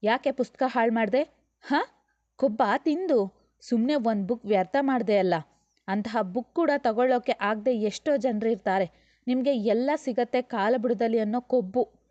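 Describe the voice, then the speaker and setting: A woman plays a young mother in a narrated novel, firm when she scolds and quietly reflective when she is sad. Her voice is mellow and dark-toned. The recording is dry, dull and lo-fi. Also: mid-range voice, steady tone, normal speed, no echo, natural voice. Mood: scolding. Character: young mother, stern then gently resigned. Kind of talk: audiobook character voice.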